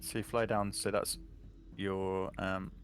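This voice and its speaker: A man's voice: sits low, flat delivery, takes it slowly, faint music behind. A man narrating a tabletop game as game master, in a casual, descriptive way with fillers.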